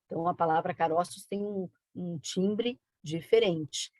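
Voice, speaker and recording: Brisk woman teacher, dry close sound. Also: on the low side, darkish tone, dry recording. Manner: brisk and coaxing, with frequent tag questions. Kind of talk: online exam-prep lesson. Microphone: video call.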